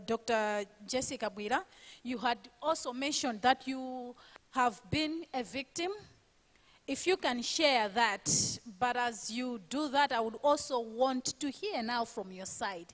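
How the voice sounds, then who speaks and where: A woman moderates a conference panel, slow and high-pitched. She is friendly and slips Chichewa words into her English. The hall gives her voice a long reverb. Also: a bit bright.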